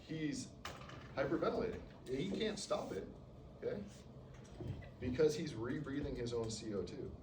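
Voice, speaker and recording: Recorded from a distance in a roomy, noisy classroom, a male respiratory therapy instructor gives a relaxed lecture at a moderate pace with long pauses. His medium-pitched voice swings widely, and he keeps asking "okay?" while acting out patients.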